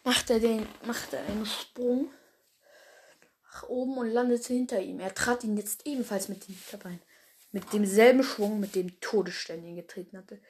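A woman's voice: medium pitch, normal speed, a little mellow, slight background noise. A woman reading her own animal fan story aloud, often stumbling and correcting herself, with casual slangy asides. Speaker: story reader.

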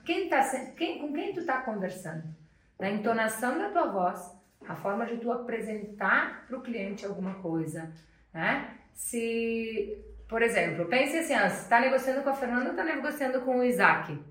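A woman's voice: fairly high pitch, lively intonation, normal speed, a bit bright. Emphatic woman sales trainer, roomy distant sound. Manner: emphatic, repeats key phrases, colloquial. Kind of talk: motivational training talk. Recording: roomy sound from away from the mic.

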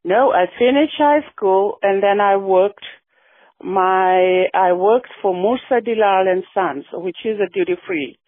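A woman talks through her life in a relaxed, reflective way. Her voice sits at a middling pitch. It comes through a thin, phone-like radio line with no room sound. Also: unhurried, no echo. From Fiji. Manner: warm, reflective storytelling with frequent yeahs. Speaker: guest. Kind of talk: casual radio interview.

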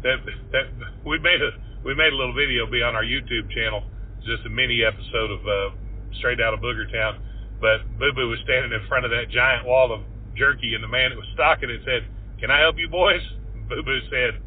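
A man's voice: medium pitch, steady tone, fairly quick, slightly rough, phone-quality sound. A man with an Appalachian Southern accent chatting in a folksy, colloquial way as a comedy podcast host. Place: car on the road.

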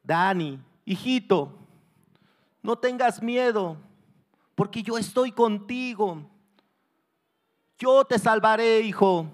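Man acting a brave father, urgent reassuring shouts, raised pitch. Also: lively intonation, slow pace, pauses often. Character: brave father calling to his son.

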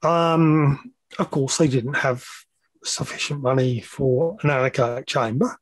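Speaking at a measured pace in a mid-range voice, this middle-aged podcast guest talks through technical matters from his work measuring loudspeakers. He hesitates now and then and drops in plainspoken remarks, with no room sound on the recording.

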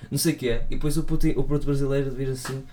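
A man's voice: mid-range voice, very fast, a little hiss or hum. Slangy young Portuguese man telling stories. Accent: European Portuguese. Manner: slangy, animated, voices the people in his stories. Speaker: podcast co-host. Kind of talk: casual storytelling chat.

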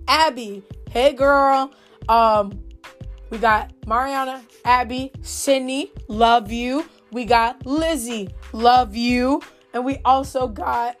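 A young woman telling a casual, profane and gossipy story in a vlog about her color guard trip. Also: a little high. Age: young adult. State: voice recovering from being lost. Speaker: color guard senior vlogging.

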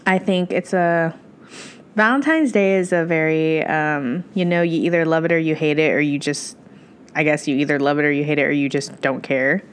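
A woman's voice: deep voice, normal speed, smooth. Stuffy-nosed young woman, rambling casually. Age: young adult. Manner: informal, rambling, self-interrupting. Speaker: podcast host. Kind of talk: casual solo podcast chat.

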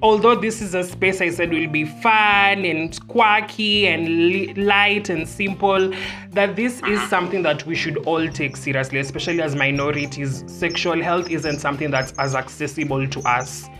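A woman's voice: on the low side, normal speed, fairly bright tone. A woman with a Kenyan accent hosting a casual podcast in a brash, campy, sultry drawl, bantering and swearing freely. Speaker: podcast host. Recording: music behind the voice. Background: music.

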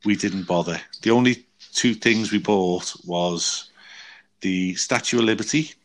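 A man chatting casually, telling an animated travel story and acting out the people in it. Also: lowish voice, unhurried, slight background noise. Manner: animated storytelling with quoted voices, swears. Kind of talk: casual chat.

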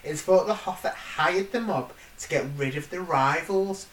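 A woman's voice: on the low side, moderate pace, distant mic. A woman co-hosting a podcast, chatting casually with playful, jokey banter. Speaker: podcast co-host. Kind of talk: casual chat. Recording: echoey room with faint hiss.

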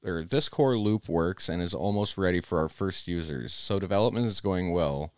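A man's voice: low voice, moderate pace, a little mellow, no echo, clean studio sound. A man hosting a casual live-stream chat, reading update notes aloud and joking along the way. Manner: reads notes then jokes and laughs. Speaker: podcast host.

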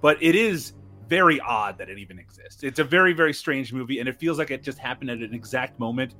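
A man's voice: mid-range voice, fast, bright, forceful tone, soft background music. A man from Newfoundland chatting casually and jokily about films as a podcast guest. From Newfoundland, Canada. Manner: jokey, chuckling talker. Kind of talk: casual film discussion.

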